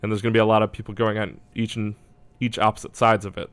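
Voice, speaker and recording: Low, even-toned man talking basketball. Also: quick pace, no echo. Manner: hedging, thinking aloud. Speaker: basketball draft analyst. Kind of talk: casual sports discussion.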